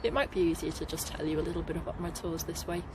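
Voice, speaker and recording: A middle-aged tour guide from Liverpool, England, speaks fast in a lowish voice with a Liverpool accent. She chats casually to the camera outdoors at a garden site, laughing often, with background noise audible.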